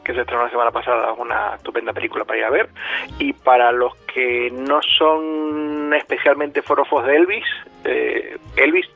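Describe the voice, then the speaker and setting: A man's voice: medium pitch, flat delivery, moderate pace, gravelly, dry recording, faint music behind. A man calling in over a landline phone as a film and series critic on a radio show, talking hesitantly and often repeating words. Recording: muffled lo-fi phone line.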